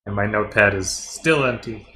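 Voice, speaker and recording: A man's voice: fairly low pitch, normal speed, bright, forceful tone, low-quality recording. A man running a tabletop game who narrates and asks questions in a wry, inquisitive way. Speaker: game master.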